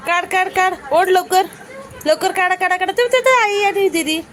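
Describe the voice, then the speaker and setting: A woman's voice: very high voice, moderate pace, a faint crowd. A woman narrating a casual family vlog, chatting to viewers and coaxing her children. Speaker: family vlogger.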